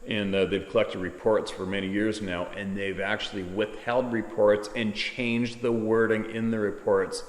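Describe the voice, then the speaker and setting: A man's voice: lowish voice, flat delivery, moderate pace, hardly any pauses. A man hosting an informal storytelling show, reading a listener's account aloud and commenting on it. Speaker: host of a Bigfoot sightings show. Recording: echoey room with long reverb.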